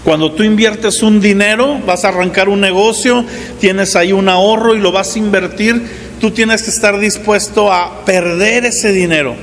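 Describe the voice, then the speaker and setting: A man in his forties preaching a sermon as pastor, talking in a relaxed conversational way and often checking in with the congregation. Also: sits high, normal speed, big-room sound. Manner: conversational preaching with frequent "¿verdad?" asides. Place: church hall.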